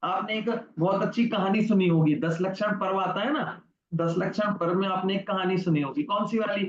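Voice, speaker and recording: A man's voice: high voice, normal speed, reverberant, muffled recording. A man teaching a religious lesson to children, telling a story and asking questions he answers himself. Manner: asks the class questions and answers them himself. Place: online class recording.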